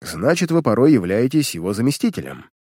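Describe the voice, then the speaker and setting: Stern, curt detective barking orders at a captive in a dry audiobook read, done by a male narrator; lively pitch. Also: a little fast, breathy edge, no echo. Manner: curt, commanding questions.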